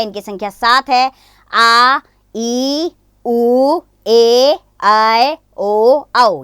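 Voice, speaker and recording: A woman teaches young children, walking patiently through example after example. Her voice is smooth and clear and a little high. The sound is dry and close, with no room echo. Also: sharp tone. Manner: slow, patient explaining with examples. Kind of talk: grammar lesson for children.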